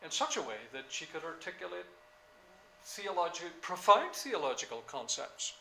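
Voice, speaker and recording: Male lecturer, older, bright voice, echoey room, hesitant then emphatic. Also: a little high, big pitch swings, gravelly. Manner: halting with many fillers, then emphatic. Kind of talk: classroom lecture.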